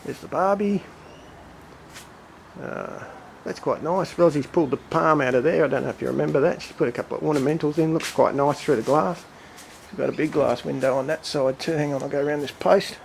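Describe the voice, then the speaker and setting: A chatty man rambles his way around his garden, full of ums and uhs. His voice sits a little high and gravelly. It is caught outdoors on camera audio with a faint hiss of background noise. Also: brisk, low-quality recording. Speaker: home gardener filming his yard. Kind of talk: casual walk-through commentary.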